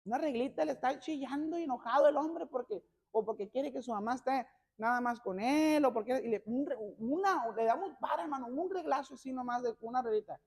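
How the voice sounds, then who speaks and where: Man, pastor, sermon, rising to loud emphasis, keeps addressing the brethren. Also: very high-pitched, a little fast, gravelly. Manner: peppers every phrase with "hermanos"; preaching that swells to loud emphatic passages.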